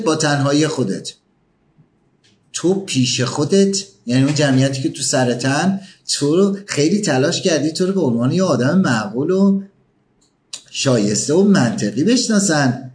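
A man's voice: on the high side, darkish tone, slight background noise. A man giving a motivational talk, pressing the listener with emphatic questions. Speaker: motivational speaker.

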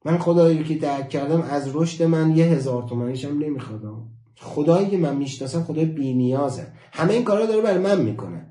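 A man giving a motivational class talk, emphatic, repeating key phrases and slowing down to stress his points. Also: a little high, lively intonation, mellow, roomy sound. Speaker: motivational teacher.

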